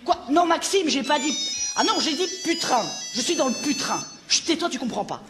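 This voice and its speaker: A woman's voice: high-pitched, expressive, normal speed, loud music behind the voice. A woman playing a frazzled schoolteacher who arrives late and curses in front of her class. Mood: flustered. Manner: flustered, swearing and rambling. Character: flustered young female schoolteacher.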